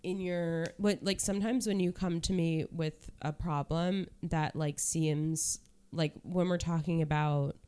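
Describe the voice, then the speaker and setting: A woman's voice: low voice, fairly even intonation, unhurried, dark tone, clear, resonant tone. A woman in her thirties, a podcast co-host in casual chat, talking loosely with many fillers and trailing thoughts. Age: 30s.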